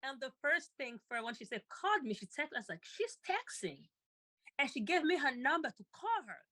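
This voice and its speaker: A woman's voice: high voice, big pitch swings, moderate pace, bright, forceful tone, dry recording. A woman co-host telling a personal story with feeling, often repeating herself and laughing lightly.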